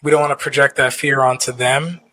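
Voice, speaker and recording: A man's voice: mid-range voice, flat delivery, fairly quick, sharp tone, slight background noise, poor audio. A man hosting a podcast interview, encouraging his guest with frequent "yeah" and "mm-hmm". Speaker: podcast host.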